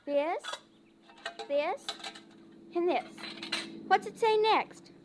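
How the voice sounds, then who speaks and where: A woman playing an excited, bossy little girl in an old-time radio drama, loud and insistent. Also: very high voice, very slow, background noise, heavily acted. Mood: bossy, urgent.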